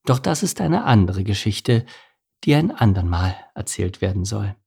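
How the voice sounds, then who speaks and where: Creaky-voiced male storyteller. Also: on the low side, very animated, moderate pace. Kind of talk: children's story narration.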